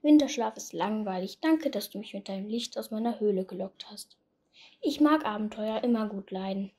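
A woman voicing a lively, adventurous little wood mouse in a storybook tale, talking chattily. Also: mid-range voice, moderate pace, breathy edge. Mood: chatty.

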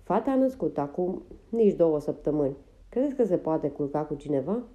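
A woman's voice: sits low, sing-song, warm tone, highs cut off. A woman voicing a blunt, motherly older woman of a wagon train, firm and commanding, in an audiobook.

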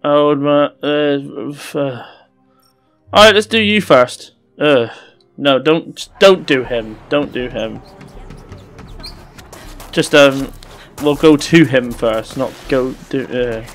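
A young man commentating his gameplay, joking and swearing with excited outbursts. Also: mid-range voice, takes it slowly, faint music behind. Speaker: gaming YouTuber. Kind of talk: let's play commentary.

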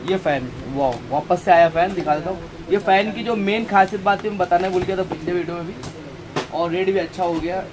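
A man's voice: high voice, fairly quick, crowd noise. A man in his thirties, a shop owner, showing products in a casual chatty way and drifting into preachy asides. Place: crowded housewares shop, indoors. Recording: noisy shop with traffic outside.

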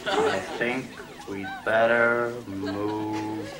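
Stern TV police chief: slow, self-important deadpan for cop parody, loud audience behind. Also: male voice, fairly low pitch, over loud music, over a noisy crowd. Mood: portentous. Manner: deliberate, portentous deadpan. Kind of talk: cop show parody acting. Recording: old TV soundtrack, loud audience and noise.

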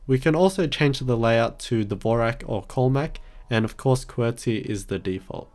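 A man's voice: medium pitch, normal speed, darkish tone. A man giving a scripted tech review narration in a matter-of-fact, explanatory way. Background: background music.

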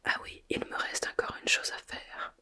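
A woman's voice: normal speed, bright, forceful tone. A woman voicing a vain, evasive middle-aged male wizard professor, whispering hesitantly in a whispered role-play.

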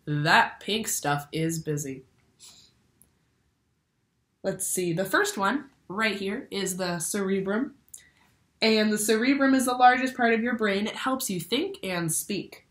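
A young woman with a medium-pitched voice reads a children's picture book aloud slowly and expressively, like a teacher, asking her listeners questions along the way. The recording has a roomy indoor echo.

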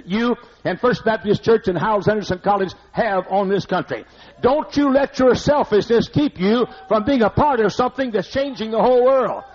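On a muffled old recording from a church sanctuary, an older man preaches as pastor, bluntly and conversationally scolding his congregation with asides. His voice is high-pitched, with a darkish tone and a breathy edge.

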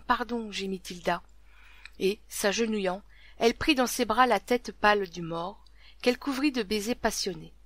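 A woman narrating an old legend as a scripted story, reading dramatically and dropping to a hush at tense moments. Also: mid-range voice, no echo.

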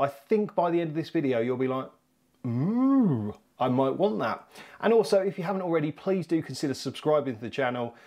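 A man's voice: a little high, a little mellow. A man with a British accent presenting a home tech video in a chatty, upbeat, self-deprecating way. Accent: British English. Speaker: YouTube home tech vlogger. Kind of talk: casual presenting to camera.

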